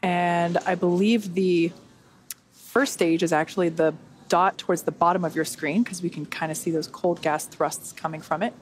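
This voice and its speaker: A woman's voice: fairly low pitch, steady tone, moderate pace. A woman hosting a launch webcast, giving conversational, explanatory live commentary. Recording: faint background noise.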